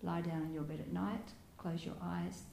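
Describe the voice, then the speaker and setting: A woman giving a Buddhist dharma talk as a meditation teacher, speaking gently and reflectively, with soft laughs and small hesitations. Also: fairly low pitch, flat delivery, normal speed, creaky. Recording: roomy hall with faint background noise.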